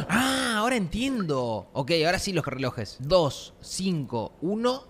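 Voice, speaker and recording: A man's voice: high voice, unhurried. A man with a Rioplatense accent streaming a video game, chatting casually, swearing freely and reading the game's text aloud. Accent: Rioplatense Spanish. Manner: excitable, swears freely, slangy. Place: home streaming setup. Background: game music.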